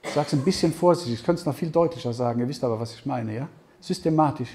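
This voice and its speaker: A man giving a conversational Bible seminar talk, often checking in with the audience with a quick "ja?". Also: mid-range voice, creaky, mellow, slight background noise. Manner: conversational, keeps asking "ja?". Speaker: Bible teacher. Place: seminar hall with audience questions.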